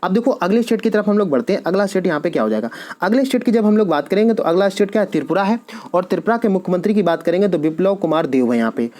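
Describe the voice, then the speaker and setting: A man's voice: high voice, lively intonation, rapid-fire, darkish tone. A man teaching an exam-prep lecture, posing quiz questions and answering them himself, repeating each key answer.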